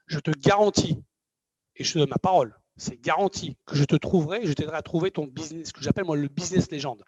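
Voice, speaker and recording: A man's voice: fairly high pitch, darkish tone, slightly rough, no room sound, dull audio. A man giving a live motivational talk to an audience, emphatic and repetitive, with many fillers. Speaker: motivational speaker.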